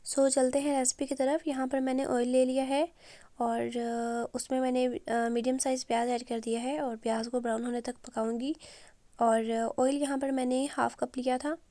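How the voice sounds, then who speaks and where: Woman cooking-show host, hoarse from a sore throat, calm step-by-step narration with a flat tone. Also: high voice, no room sound. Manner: calm, step-by-step with frequent "uh" pauses. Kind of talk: recipe voice-over.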